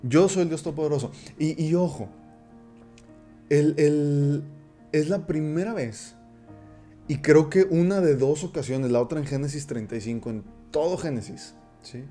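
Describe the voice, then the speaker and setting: A man's voice: fairly high pitch, a little slow, long pauses, warm tone, faint music behind. A man giving a casual Bible study talk, often repeating words and checking in with listeners by asking "¿sí?". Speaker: Bible teacher.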